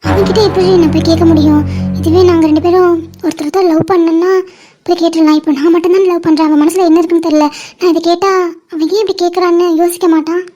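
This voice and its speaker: A woman voicing a lovesick young woman in an animated cartoon, speaking in a worried, hesitant way. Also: extremely high pitch, fast, faint music behind. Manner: worried, hesitant, tearful pleading.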